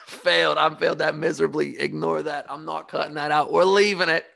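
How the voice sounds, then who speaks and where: Gravelly man ranting on his podcast. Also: a little high, fairly quick, dry recording. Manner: animated, ranting, self-mocking. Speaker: podcast host. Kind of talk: casual solo monologue. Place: home studio.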